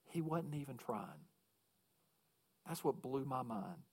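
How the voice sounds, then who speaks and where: A man delivering a sermon as a pastor, with a voice of ordinary pitch. He tells stories earnestly and then climbs into fervent, urgent calls to commitment. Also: big pitch swings, slow, husky. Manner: earnest storytelling that builds to fervent exhortation.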